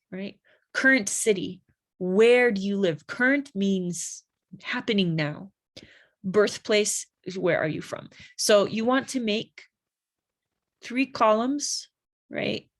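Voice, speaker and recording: A woman teaching an English lesson, explaining slowly and carefully and modeling example phrases for learners. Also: mid-range voice. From United States. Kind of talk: slow classroom explanation.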